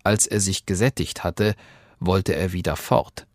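A man reads a fairy tale aloud in a calm, unhurried manner. His voice sits a little low and he takes his time. The recording is close and dry. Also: no room sound. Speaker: narrator.

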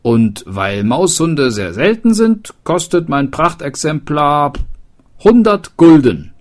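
A man's voice: fairly high pitch, big pitch swings, takes it slowly, pitched above the performer's own voice. A man doing a smug, sly wandering swindler. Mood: boastful.

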